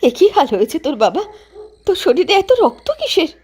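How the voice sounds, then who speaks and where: A woman's voice: high voice, big pitch swings, fairly quick, a little mellow. A woman playing a doting, distraught mother in a cartoon ghost story, coaxing and plaintive. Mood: tender, worried. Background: background music.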